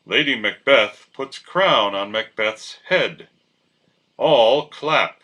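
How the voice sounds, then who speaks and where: A man's voice: medium pitch, expressive, slow, sharp tone, lo-fi sound. A man narrating, reading out scripted stage directions for a play.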